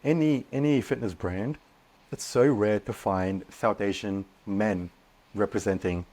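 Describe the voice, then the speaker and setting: A young man speaking as a podcast guest, earnest and animated, often restarting his sentences. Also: fairly low pitch, measured pace. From Australia. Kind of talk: casual podcast interview.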